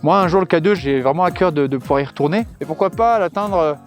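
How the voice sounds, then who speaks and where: Reflective young man over background music. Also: a little high. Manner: thoughtful, measured, with frequent hesitations. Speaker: mountaineer. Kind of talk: reflective documentary interview.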